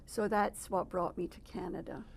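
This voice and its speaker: A middle-aged woman from Barbados, a guest telling her life story in an interview, thoughtful and measured with frequent pauses. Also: on the low side, steady tone, creaky, slightly rough. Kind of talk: personal testimony interview. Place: residence.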